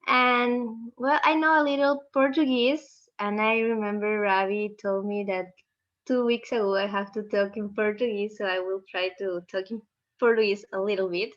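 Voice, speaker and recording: A woman's voice: mid-range voice, steady tone. Peruvian woman on a muffled video call. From Peru. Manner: warm, halting, searches for words. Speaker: medical student. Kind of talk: casual video call chat. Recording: slightly dull video call audio.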